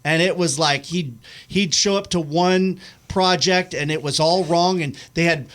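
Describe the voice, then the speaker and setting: A man's voice: fairly high pitch, measured pace, fairly bright tone. A man co-hosting a radio chat, playful and curious, asking the guest questions. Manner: playful, laughs, asks questions. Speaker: radio co-host.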